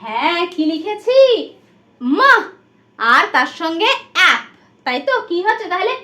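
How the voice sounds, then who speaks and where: A woman's voice: very high voice, very animated, normal speed, bright, forceful tone, echoey room. A woman teacher from West Bengal with a Bengali accent, giving a demo class to small children in a sing-song, coaxing way full of prompting questions.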